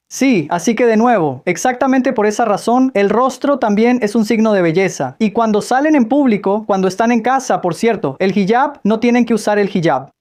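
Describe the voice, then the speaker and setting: Pitched fairly high and a bit mellow, this woman answers audience questions on Islam during a Q&A lecture voiced over in Spanish. She's patient in her explanations and playfully quizzes the crowd with light jokes.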